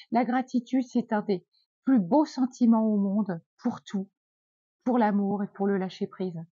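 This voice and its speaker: A woman giving a gentle, encouraging self-help talk as a wellness coach, with many hesitant fillers. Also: fairly high pitch, dry recording, muffled recording.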